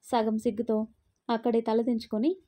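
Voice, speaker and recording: A woman narrating a serial family story in a steady storytelling manner. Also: fairly high pitch, normal speed.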